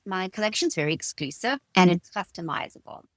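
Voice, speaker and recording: Speaking briskly in a lowish voice, a middle-aged woman with a South African accent answers interview questions as a guest, drawing on her work as a stylist and designer with emphatic, expressive stories and personal anecdotes. The recording is dry.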